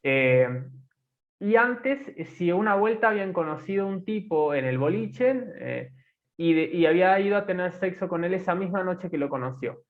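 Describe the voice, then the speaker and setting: A man in his twenties with an Argentine accent, co-hosting a casual podcast and talking haltingly with many fillers and restarts. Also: sits high, expressive. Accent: Argentine Spanish. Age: 20s. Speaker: podcast co-host. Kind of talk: casual conversation. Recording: tinny phone-like sound.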